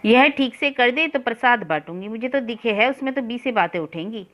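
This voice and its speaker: A woman's voice: fairly high pitch, animated, a little fast, fairly bright tone, pitched above the performer's own voice. Woman doing a nagging chatty sister-in-law. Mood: grumbling. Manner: nagging, chatty, rustic speech. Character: scolding middle-aged village sister-in-law, talkative. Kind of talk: reading a Hindi novel aloud.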